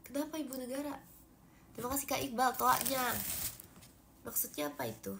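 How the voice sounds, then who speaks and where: A woman's voice: high voice, brisk, gravelly, slight background noise. A young woman from Indonesia, stuffy from a cold, chatting animatedly on a phone livestream and thanking viewers for gifts. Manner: chatty and animated, frequent fillers. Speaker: idol livestreamer.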